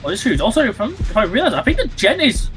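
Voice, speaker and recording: A man giving live esports commentary on a match, animated and rambling, full of fillers and restarts. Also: sits high, fast talker, music in the background. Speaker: esports caster.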